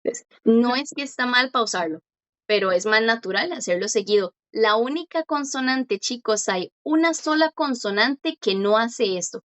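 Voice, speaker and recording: A woman teaching a language class online, patiently explaining and slowly repeating words for her students. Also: on the high side, animated, fairly bright tone, muffled recording.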